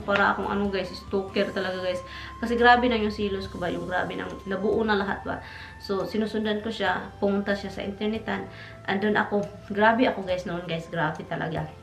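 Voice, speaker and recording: Filipina vlogger who keeps saying "guys". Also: female voice, mid-range voice. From Philippines. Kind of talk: casual storytime monologue. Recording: echoey room with faint music.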